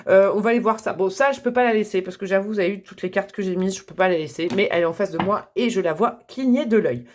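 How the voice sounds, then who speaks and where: A woman's voice: medium pitch, fast, a little mellow. A young woman chatting to viewers as she reads tarot and oracle cards, enthusiastic and laughing often. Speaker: tarot reader. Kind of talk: casual tarot reading to camera.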